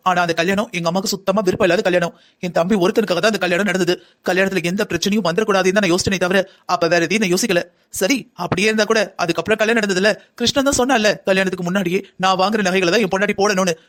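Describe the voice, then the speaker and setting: Guy voicing a whole family arguing in a cartoon drama, high-ish voice, heated and rapid. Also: fairly even intonation, fairly bright tone. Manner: heated, argumentative back-and-forth.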